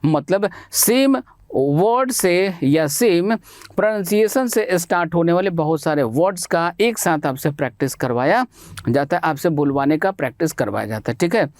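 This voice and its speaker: A man's voice: fairly high pitch, lively intonation, moderate pace, darkish tone, no room sound, clean studio sound. Indian male teacher spelling words aloud. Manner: asks questions and answers them himself, spells words out letter by letter; addresses students as beta and bhai. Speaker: exam-prep English teacher. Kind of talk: Hindi classroom lecture.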